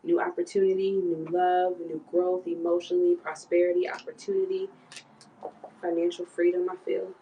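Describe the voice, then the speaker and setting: A woman's voice: fairly low pitch, flat delivery, moderate pace, warm tone, a little hiss or hum, low-quality recording. A woman giving a live tarot reading, now and then voicing what the cards' figures would say. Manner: speaks for the cards' figures in quoted asides. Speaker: tarot reader.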